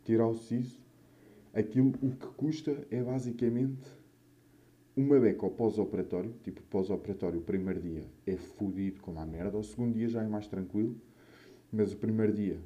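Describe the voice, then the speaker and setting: A young man with a European Portuguese accent and a slightly low, very dark, mellow voice. He rambles through personal stories like a solo host, in loose, sweary slang. His mouth is a little swollen after having wisdom teeth out. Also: lo-fi sound. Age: young adult. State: mouth still a bit swollen after wisdom tooth removal. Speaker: podcast or vlog host. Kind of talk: casual solo chat, rambling anecdotes.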